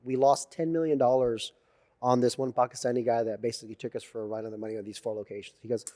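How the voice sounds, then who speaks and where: Fast-talking man telling stories. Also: medium pitch. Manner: animated storyteller, swears freely, acts out quotes. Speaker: podcast guest. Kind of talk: storytelling in casual interview.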